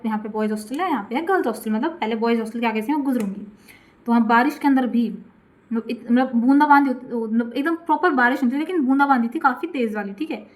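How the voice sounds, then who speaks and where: A chatty woman from India telling a dramatic storytime about her school days, repeating herself for effect. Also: fairly high pitch. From Gurugram, India. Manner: animated, repeats questions. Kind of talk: storytime vlog.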